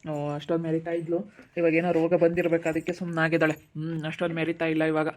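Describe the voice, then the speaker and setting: A woman playing a sharp-tongued, scolding village neighbour in an amateur skit. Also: low-pitched, completely flat delivery, rapid-fire, lightly acted. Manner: scolding, judgmental. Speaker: neighbour Meena.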